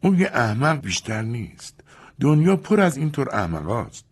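A man's voice: medium pitch, big pitch swings, husky, voice pushed up. A man voicing a cunning young woman in an audiobook, defiant and pleading by turns. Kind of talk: audiobook character reading.

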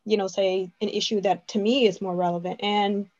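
A woman's voice: mid-range voice, level tone, moderate pace, a little mellow, no echo. Young woman, interview host, chatty, enthusiastic, dry close sound, slightly muffled. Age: young adult. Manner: chatty, enthusiastic, many fillers. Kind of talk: casual interview conversation.

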